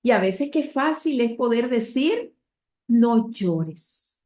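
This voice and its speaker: A woman's voice: high-pitched, animated, measured pace, a little mellow. A woman preacher retelling a Bible story with heartfelt emotion, speaking directly to her listeners.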